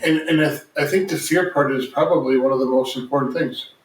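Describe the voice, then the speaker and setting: Male podcaster, mid-pitched, casual emphatic sports talk, roomy sound. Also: quick pace, distant mic. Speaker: podcast host, former football player. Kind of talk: casual conversational commentary. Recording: echoey room, off mic.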